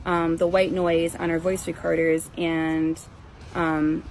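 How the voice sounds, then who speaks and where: Female paranormal vlogger, conversational and rambling, creaky voice, faint noise behind. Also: sits low, little pitch movement, takes it slowly, a little mellow. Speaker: ghost investigator presenting her team's recording. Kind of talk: casual explanatory vlog talk to viewers.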